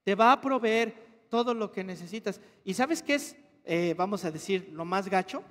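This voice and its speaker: High-voiced preacher in a reverberant hall. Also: male voice, moderate pace. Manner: animated preaching with rhetorical questions to the congregation. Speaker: pastor. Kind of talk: sermon. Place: church hall.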